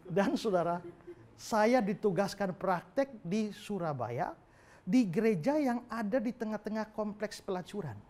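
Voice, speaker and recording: A man's voice: sits high, lively intonation, unhurried, a little mellow. A male pastor preaching a sermon in a humorous storytelling manner.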